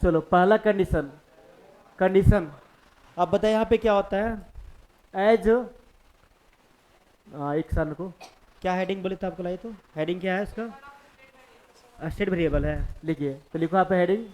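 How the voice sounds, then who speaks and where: A man's voice: high-pitched, unhurried, long pauses, a little mellow, poor audio. A man teaching a physics class in Hindi-accented speech, explaining step by step and often asking the students whether they follow. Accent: Hindi-speaking eastern India. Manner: conversational, keeps checking understanding with the class. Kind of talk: classroom lecture.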